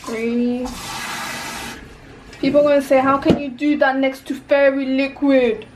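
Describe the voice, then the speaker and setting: Young woman, bubbly cooking vlog chat, slightly high voice, noisy kitchen recording. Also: little pitch movement, measured pace. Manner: chatty, bubbly, talks to viewers while cooking. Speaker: cooking vlogger. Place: home kitchen. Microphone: handheld phone camera.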